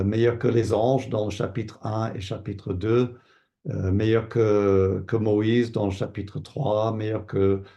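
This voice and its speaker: An older man from Canada answers interview questions at a slow, careful pace. His low voice is gravelly and mellow, and he often pauses and repeats words as he thinks. He sounds like a pastor and teacher. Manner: thoughtful, hesitant with many fillers and repeated words.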